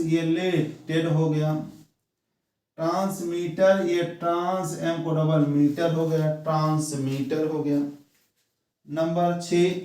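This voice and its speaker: A man from India with a North Indian accent, teaching a shorthand lesson slowly and step by step, repeating each word. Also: fairly high pitch, darkish tone. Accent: Hindi-speaking North Indian. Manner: slow, repetitive, step-by-step explaining. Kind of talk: classroom shorthand dictation lesson. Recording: echoey room, voice from far off mic.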